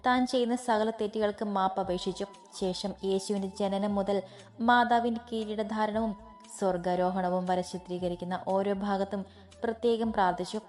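A woman's voice: medium pitch, fairly even intonation, normal speed, darkish tone. A woman narrating a romantic audiobook story, reading each character's lines in her own narrating voice. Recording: faint background music.

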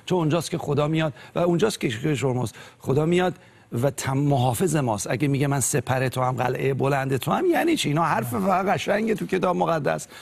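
Earnest young man with a gravelly voice. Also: on the high side. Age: 20s. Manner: earnest, hesitant with fillers.

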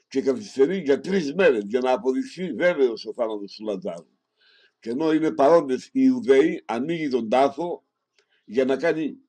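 A man reads a homily aloud in a solemn, measured way. His voice is dark and mellow at a middling pitch, and he speaks directly to the listener before closing with prayers. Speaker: reader of a sermon.

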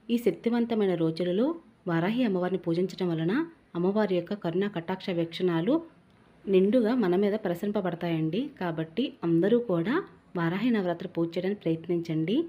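A woman's voice: fairly low pitch, brisk, mellow. A woman earnestly explaining a devotional ritual to her viewers, step by step and politely. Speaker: devotional channel host. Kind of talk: devotional pooja instruction.

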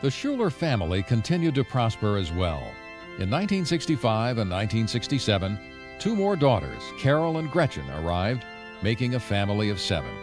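A man giving scripted documentary narration in a measured storytelling delivery. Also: on the low side, sing-song, over music.

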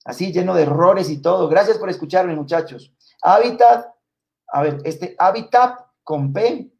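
High-voiced man hosting live spelling trivia. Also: a little slow, gravelly. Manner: warm, grateful, reads out names and comments; frequent fillers and repeated words. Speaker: live quiz host. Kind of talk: live-stream spelling trivia, reading viewer comments.

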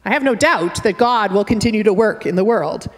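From a pulpit in a wood-panelled church, a middle-aged Canadian-accented woman minister preaches in a measured, earnest way, lightened by gentle humor. Her voice is medium-pitched, and a fixed camera at a distance captures the long church reverb.

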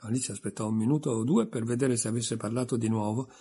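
Husky, dark-voiced male audiobook narrator. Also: mid-range voice. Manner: measured, storytelling. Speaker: audiobook reader.

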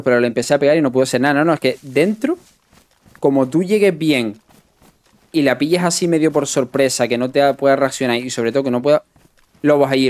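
Young guy streaming a game, chatty, talks to chat the whole time, mid pitch. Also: a little mellow. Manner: chatty, greets and thanks viewers. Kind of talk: live gameplay commentary.

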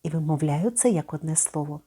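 A middle-aged woman giving a spoken lesson. She pronounces words slowly and carefully, and she repeats each one so listeners can copy her. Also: sits low, animated, warm tone, breathy edge. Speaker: French pronunciation teacher.

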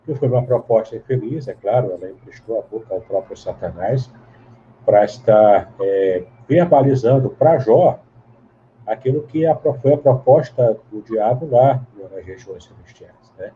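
A man's voice: on the low side, animated, normal speed. A man, explaining at length as an interview guest, in a teacherly way with many tag questions and restarts. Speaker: guest Bible scholar. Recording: dull lo-fi sound with faint hiss.

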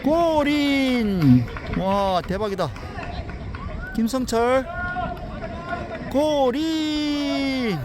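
A man giving casual live commentary on a race at an outdoor track while filming it, often shouting encouragement to the runners. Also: very high voice, extremely slow, pauses often, a crowd in the background. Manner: excited, cheering and shouting encouragement. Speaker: amateur running club member filming a race. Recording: outdoor noise from a stadium track.

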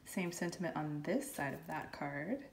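A woman with a raspy voice from smoky air, chatting casually as she unboxes a planner kit at home. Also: sits low, normal speed, a little hiss or hum. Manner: chatty, enthusiastic, soft-spoken at times. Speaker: planner vlogger. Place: home, while her son is in an online class.

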